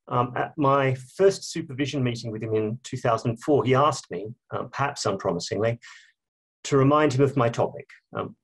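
Husky-voiced man giving a measured tribute. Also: medium pitch. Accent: Australian. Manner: measured, anecdotal, occasional fillers. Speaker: speaker at a tribute panel. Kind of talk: prepared speech.

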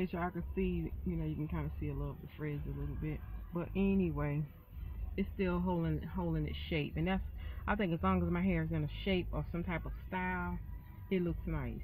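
Sitting in her parked car, a middle-aged woman chats casually into a tablet camera held close to her, rambling along in a folksy manner full of "y'all." She has a lowish, slightly mellow voice, and the recording is low quality with some hiss or hum.

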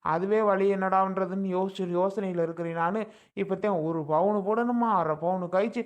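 A woman's voice: mid-range voice, fairly even intonation, moderate pace, close to an everyday voice. A woman playing a sarcastic, practical grown son in a family comedy skit. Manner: sarcastic, dismissive.

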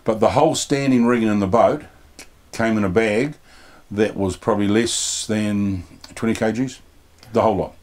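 Deep-voiced New Zealand boatbuilder, rambling. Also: male voice, normal speed, a little mellow. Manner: plain-spoken, rambling with many fillers. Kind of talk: casual interview. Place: cabin of a yacht in a shed. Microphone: lapel mic.

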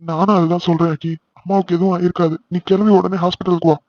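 A man voices a caring uncle figure in a homemade cartoon, firm and reassuring. He talks fast in a slightly raised voice. The recording is dry and somewhat dull. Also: high voice, flat delivery. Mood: urgent. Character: Tamil elder brother and uncle, caring and steady. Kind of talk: amateur cartoon dubbing.

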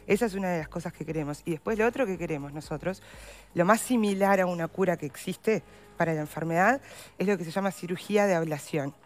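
A woman's voice: on the low side, fast talker, darkish tone. Earnest Uruguayan woman explaining. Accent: Uruguayan Spanish. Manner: earnest, explanatory, uses voseo. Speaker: guest, endometriosis patient advocate. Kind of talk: explanatory interview answers.

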